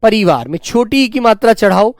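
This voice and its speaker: A male teacher giving a spelling class, dictating words slowly and repeating each one, talking to pupils in a fatherly way. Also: high-pitched, sing-song, no room sound, clean studio sound. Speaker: Hindi teacher.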